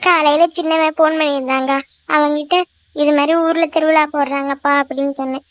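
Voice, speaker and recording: A worn-out village mother laments her troubles in a cartoon, voiced by a woman. The voice is high and quick. The sound is close and dry. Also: steady tone, no echo, lo-fi sound, natural voice. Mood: lamenting. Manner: tearful, lamenting. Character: weary grieving village mother.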